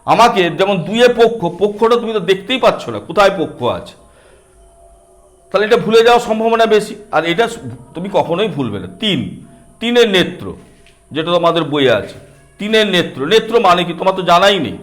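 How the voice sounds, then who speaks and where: A man's voice: high voice, lively intonation, fairly quick. A middle-aged man with a Bengali accent, patiently explaining a counting book to small children. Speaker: teacher and book author.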